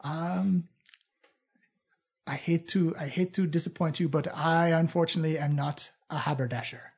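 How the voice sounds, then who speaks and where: Man doing Jarlaxle, suave dark elf. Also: on the high side, steady tone, normal speed, gravelly, slightly rough. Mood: smooth. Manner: theatrical, smug, courtly. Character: suave flamboyant male dark elf rogue leader.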